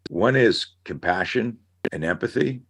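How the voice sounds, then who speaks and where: A middle-aged man on a podcast, an animated storyteller who acts out scenarios as he talks. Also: on the low side, a little slow. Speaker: guest, self-defense instructor. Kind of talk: casual podcast conversation.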